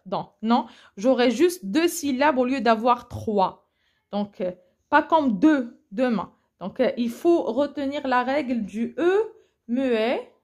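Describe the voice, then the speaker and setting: A woman French teacher correcting an exam, talking slowly with many hesitations and self-corrections, recorded on a phone. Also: a little high. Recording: phone recording, voice slightly off-mic at times.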